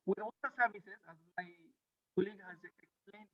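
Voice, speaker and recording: A man with a high voice gives a halting online presentation, pausing often. His sound comes through a dull, lo-fi call link that keeps breaking up, so words fade and drop away. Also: fairly even intonation, sharp tone. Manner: halting, with pauses and fillers. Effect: voice dropping in and out over a bad call connection. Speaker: foundation presenter. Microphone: video call. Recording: dull lo-fi call audio cutting out.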